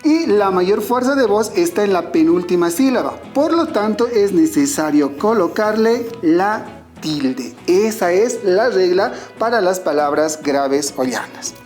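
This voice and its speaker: A man from Bolivia with a Bolivian Spanish accent, a teacher giving a scripted online lesson, explaining clearly and speaking directly to his students. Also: high voice, expressive, a little slow, a little mellow, faint music behind.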